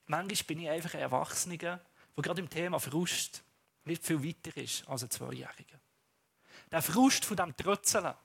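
A man with a Swiss German accent preaching a sermon, retelling a Bible story in a lively, colloquial way. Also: sits high, vocal fry, breathy edge.

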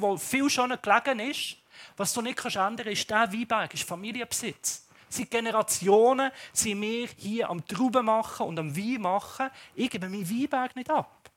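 A man with a Swiss German accent voicing a stubborn vineyard owner who loudly refuses to sell. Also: sits high, moderate pace. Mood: defiant.

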